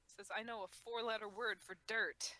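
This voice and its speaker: Deadpan woman with a bright, dry voice. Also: medium pitch, moderate pace, no room sound, rough recording. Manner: deadpan corrections. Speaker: co-host. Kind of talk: dry comedic interjections.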